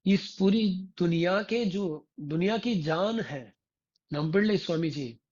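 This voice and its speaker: A man, a Vaishnava religious teacher, tells a devotional story in a slow, repetitive way and keeps turning to his listeners with rhetorical prompts. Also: high voice, expressive, a little mellow, muffled recording.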